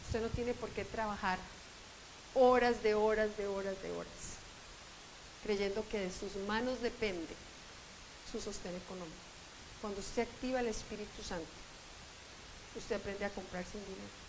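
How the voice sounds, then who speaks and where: A woman's voice: medium pitch, steady tone, moderate pace, long pauses, background noise. A woman preaching a sermon at a conference, emphatic and conversational, speaking straight to her listeners. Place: conference hall.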